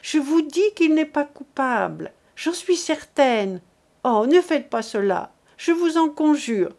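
A woman reading aloud as a desperate mother imploring men to spare her son, in an impassioned, high voice. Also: big pitch swings, slow pace, a little mellow, exaggerated voice. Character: desperate pleading older mother.

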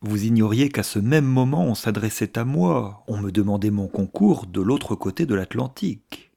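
A man reading a novel aloud, voicing an effusive, gossiping older aristocratic woman with theatrical, hushed asides. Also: lowish voice, animated, moderate pace, vocal fry. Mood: gushing.

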